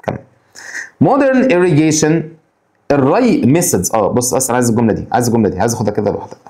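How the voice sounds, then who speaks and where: Lively Egyptian man teaching English vocabulary. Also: medium pitch, echoey room. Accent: Egyptian Arabic. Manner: addresses students directly with quick rhetorical questions. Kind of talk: exam-prep lesson explaining vocabulary.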